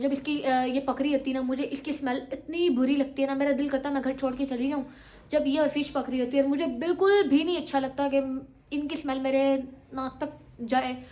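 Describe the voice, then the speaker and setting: A woman's voice: high voice, darkish tone, a little hiss or hum. A young woman, chatting dramatically in a casual home vlog. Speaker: vlogger.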